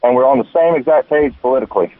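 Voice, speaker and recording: A man's voice: mid-range voice, racing, no room sound. Eager male caller on a tinny phone line. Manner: eager, deferential. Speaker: radio show caller. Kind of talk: phone-in call.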